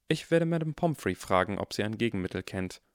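A man's voice: on the low side, lively intonation, no echo, studio quality. A man voicing a stern, formal older female witch professor in an audiobook reading. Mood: hesitant. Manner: formal, measured, hesitant at times.

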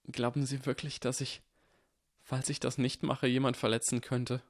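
A man voicing a frightened young boy who speaks quietly and hesitantly, raising his pitch. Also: normal speed, dry recording, clean studio sound, lightly acted.

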